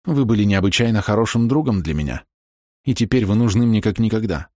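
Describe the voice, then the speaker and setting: A man doing a quiet, gravely ill young man. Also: on the low side, no echo, studio quality, lightly acted. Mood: sad. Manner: quiet and halting. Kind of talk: audiobook reading.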